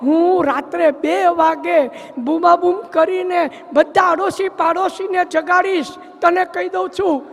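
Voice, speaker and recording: A male comedian voicing an angry wife who is locked out at night and threatens to shout to wake the neighbours. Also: very high-pitched, fairly even intonation, a little slow, gravelly, pitched above the performer's own voice, heavily acted. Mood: threatening. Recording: long hall reverb from a large venue.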